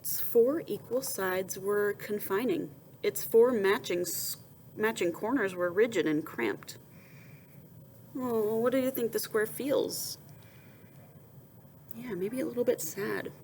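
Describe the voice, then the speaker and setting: Slight background noise accompanies a medium-pitched woman reading a picture book to young children in a teacher's manner. She narrates expressively, with asides and pauses for questions that she answers in a soft voice.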